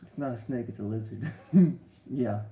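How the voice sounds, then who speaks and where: A middle-aged man chats casually on a live stream, his voice gravelly with fry. He tells rambling stories full of restarts and answers viewer comments, and the audio sounds roomy. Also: medium pitch, normal speed, warm tone. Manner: rambling storytelling with many restarts and fillers.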